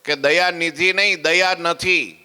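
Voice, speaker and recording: A man's voice: a little high, fairly even intonation, a little slow, sharp tone, clear, resonant tone, long reverb tail. A man telling a devotional story as a preacher, acting out the characters and asking listeners questions. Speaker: katha preacher.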